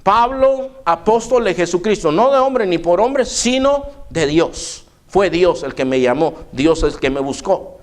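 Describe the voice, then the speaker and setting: A man's voice: high-pitched, lively intonation, a little slow. A pastor preaching an evening sermon in church, emphatic and often calling out to his brothers. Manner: emphatic, keeps addressing listeners as brother.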